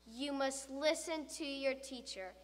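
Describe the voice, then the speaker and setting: Panicked and doomed, a high-pitched woman voices a frightened schoolchild telling a tall tale in rhyme, going a little slow. It's a theatrically recited comic monologue with dramatic, expressive storytelling, captured in a reverberant hall.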